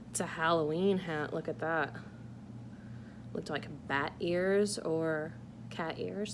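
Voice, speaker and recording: A woman with a lowish voice reads a picture book aloud to young children, playful and animated, posing exaggerated wondering questions as a read-aloud host. Background noise can be heard.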